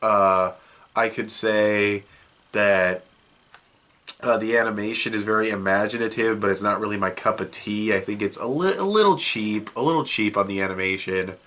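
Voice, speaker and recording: A lowish, slightly bright male voice at normal speed belongs to a young video reviewer who has a cold and keeps sniffling. He talks about a show in a loose, rambling, casual way, full of fillers and restarts.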